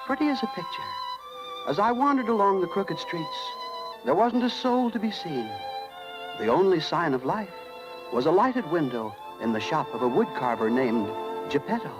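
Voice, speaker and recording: Small wandering cricket: chatty, homespun, expressive swoops, vintage radio drama over prominent music. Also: male voice, sits high, moderate pace, rough recording. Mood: folksy, dreamy. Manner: folksy, chatty, lilting. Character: small wistful cricket storyteller, friendly wanderer. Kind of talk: 1930s radio acting, folksy storytelling to listeners. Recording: vintage 1930s radio, loud orchestral music.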